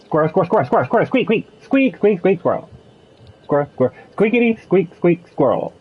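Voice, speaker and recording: A man voicing a small agitated squirrel in squeaky nonsense chatter. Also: very animated, slow, breathy edge, dull audio, exaggerated voice.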